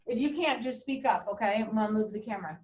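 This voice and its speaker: A woman's voice: a little high, lively intonation, quick pace. Chatty woman teaching a Spanish class. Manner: chatty, encouraging, mixes Spanish and English. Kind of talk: classroom lesson. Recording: muffled classroom audio from a distant camera.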